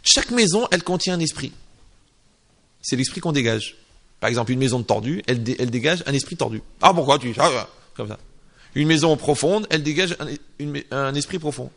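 Male religious teacher, casual lesson, raised pitch, gravelly edge. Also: brisk. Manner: animated, acts out little dialogues, slips in Hebrew terms. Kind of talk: informal Torah lesson.

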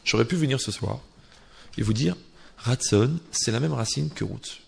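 A man teaching a Torah class who argues with imagined objections and swings from quiet asides to loudly recited Hebrew verses, with a teasing tone. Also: mid-range voice, normal speed, gravelly, a little hiss or hum. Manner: joking, teasing tone with listeners. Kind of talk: Torah class to a live audience.

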